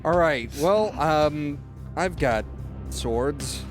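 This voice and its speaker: A man with a slightly high voice talks through his turn in a tabletop game. He is informal and jokey, with music clearly playing behind him. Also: expressive, very slow. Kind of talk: casual game chat.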